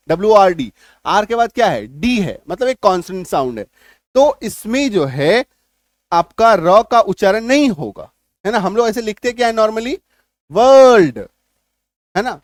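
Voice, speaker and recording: A man's voice: sits high, no room sound, clean studio sound. A man giving a spoken lesson as an English teacher, explaining step by step and often checking that the listener follows.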